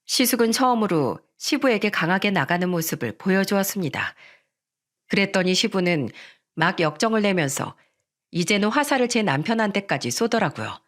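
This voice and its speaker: Woman narrating a story, middle pitch. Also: big pitch swings, normal speed. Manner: conversational first-person storytelling.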